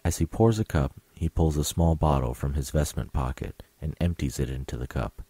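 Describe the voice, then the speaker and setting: A man reading stage directions as narrator of an audio drama in a flat, matter-of-fact way. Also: extremely low pitch, normal speed, slightly rough, dry recording.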